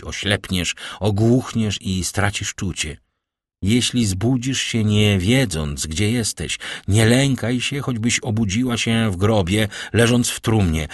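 Man voicing a solemn fatherly nobleman, reassuring, deep low voice, dry close sound. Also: no echo. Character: grave fatherly older nobleman protector.

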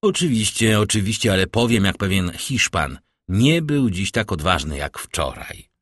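A man's voice: fairly low pitch, lively intonation, normal speed, fairly bright tone, dry recording, clean studio sound. A man reading the part of an earnest, lovestruck young army captain. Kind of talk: audiobook character reading.

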